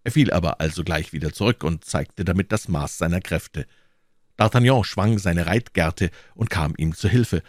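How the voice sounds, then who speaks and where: A man reading a classic novel aloud in a measured, low storytelling delivery. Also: no echo, clean studio sound. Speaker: audiobook reader.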